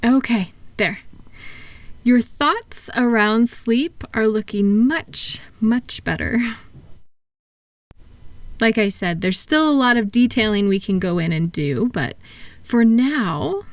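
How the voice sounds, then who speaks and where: In a soft-spoken relaxation roleplay for sleep, a woman plays a kind, patient therapist calming a client's thoughts, her gentle voice unhurried, calm and reassuring. She speaks on the high side and expressively, in a dry recording.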